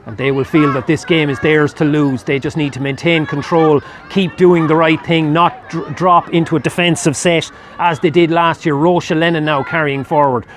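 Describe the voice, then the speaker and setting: A man's voice: fairly even intonation, normal speed, hardly any pauses, a little hiss or hum. A man with an Irish accent giving live play-by-play commentary at a match, rising sharply when a score comes. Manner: rises sharply in pitch and volume at scoring chances.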